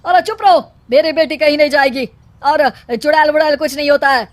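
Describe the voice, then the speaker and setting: A woman's voice: high voice, brisk, natural voice. A woman voicing a stubborn middle-aged village headman who brushes others off. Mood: dismissive. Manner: dismissive and brusque. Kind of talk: cartoon voice acting.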